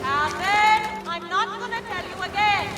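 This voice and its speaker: A woman's voice: very high voice, measured pace, over loud music. A woman playing a stern mother calling out to her children in a video game. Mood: stern, impatient.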